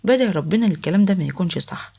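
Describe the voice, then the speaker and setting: Egyptian woman narrator, husky voice, races through a first-person family story at a steady clip. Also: on the low side, very fast. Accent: Egyptian Arabic.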